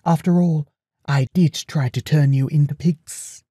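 A man voicing a female nymph, a lesser goddess, speaking tentatively and gravely. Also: fairly high pitch, steady tone, unhurried, warm tone, dry recording, studio quality, pitched above the performer's own voice. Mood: wry. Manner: tentative, grave when explaining.

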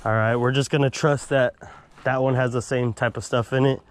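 A young man hosting an exploration vlog walks through an abandoned military base, both outdoors and inside empty buildings. He chats easygoingly and directly to viewers, using lots of fillers, in a medium-pitched voice with fairly even intonation and a brisk pace.

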